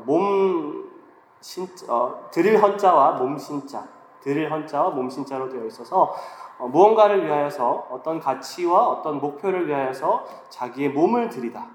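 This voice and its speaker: A man delivers a sermon in a fairly high voice that sounds stuffed-up, as if his nose were pinched by a cold. He explains things in a measured way, pausing as he goes. The hall echoes around him, with faint noise behind. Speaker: preacher, guest speaker at a church young adult service.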